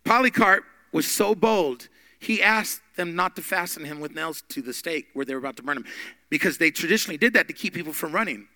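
A man teaching a Bible study podcast, emphatic, with big swings in loudness. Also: a little high, lively intonation, fairly quick, no room sound.

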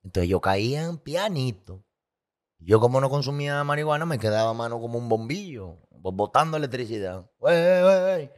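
A man's voice: medium pitch, expressive, a little fast. A man telling his personal story as a guest, candid and emotional, with vivid sound effects and repetition.

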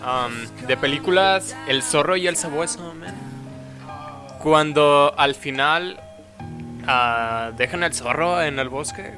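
A man in a casual chat, talking slowly with hesitations. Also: fairly high pitch, music in the background. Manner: slow, deliberate, hesitant. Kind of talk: casual chat among friends.

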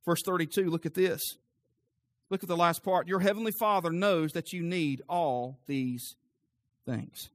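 A young adult man preaching a sermon in a church, moving from calm teaching to loud, fervent preaching. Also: on the high side, measured pace. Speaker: pastor.

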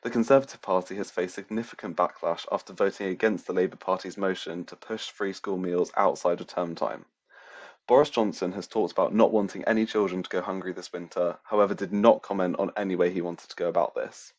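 A man's voice: low-pitched, fairly even intonation, a little fast. A man reading a scripted radio news report. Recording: slightly dull, lo-fi audio.

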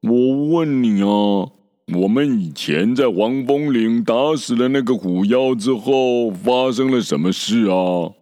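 A man doing a slow, drawling pig disciple. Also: medium pitch, warm tone, long reverb tail, pitched above the performer's own voice, natural voice. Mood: needling. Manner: drawling, needling questions. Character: sly, slow-witted male pig disciple, needling. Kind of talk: storybook character voice.

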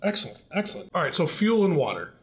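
A man's voice: fairly high pitch, sing-song, quick pace. A man hosting a podcast interview, asking questions in an upbeat, joking conversational way. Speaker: podcast host.

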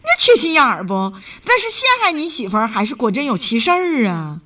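A woman's voice: high voice, very animated, brisk, pushed and bright, recorded from a distance. A woman hosting a radio call-in show, giving blunt, indignant advice.

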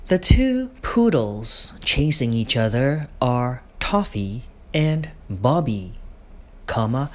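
A man dictating his own prose aloud, speaking every punctuation mark in a deliberate, halting way. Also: mid-range voice. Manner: slow, deliberate dictation with pauses.

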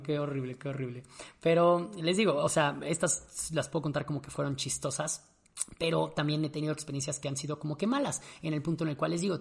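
Young man, Mexican accent, casual storytelling, slangy, lively, acts out his reactions. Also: a little high, gravelly.

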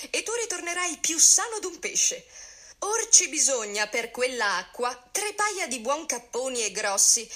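A woman's voice: high voice, sharp tone, exaggerated voice. A woman voicing a pompous, sly doctor who gives false reassurance in a told tale.

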